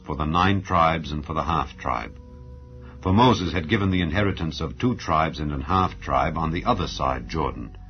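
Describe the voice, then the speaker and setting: A man with a very low voice reads scripture solemnly and formally, his phrasing measured and declamatory like a Bible narrator's. Background music plays beneath him, and the audio is somewhat muffled, dull, and lo-fi.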